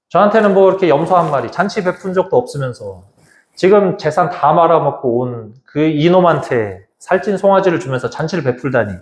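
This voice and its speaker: A man's voice: a little high, roomy sound, natural voice. A man doing an aggrieved, angry elder son. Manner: indignant complaining.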